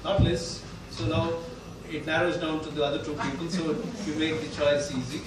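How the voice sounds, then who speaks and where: A man's voice: fairly high pitch, fairly even intonation, normal speed. A man with a South Indian accent hosting a live event informally, with a jokey, self-deprecating manner. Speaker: event host and quizmaster. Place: indoor event venue with live audience. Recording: echoey hall, distant, noisy.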